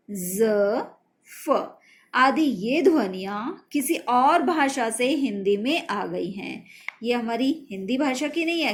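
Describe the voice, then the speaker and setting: A woman teaching a children's grammar lesson, slow and patient, spelling out letters and sounds one by one. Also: a little high.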